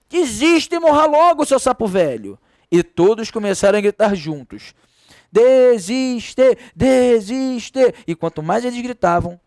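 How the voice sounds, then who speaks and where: Brazilian male grammar teacher, slangy and playful, high voice, dry sound. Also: dry recording. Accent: Brazilian Portuguese. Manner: animated, slangy, jokey storytelling. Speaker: Portuguese teacher. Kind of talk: exam-prep grammar lesson.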